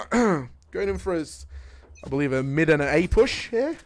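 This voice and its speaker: A young man casting a live esports match, jokey and excitable, rising to shouts on big plays and dropping to quiet asides. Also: sits high, a little slow, creaky. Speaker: esports caster.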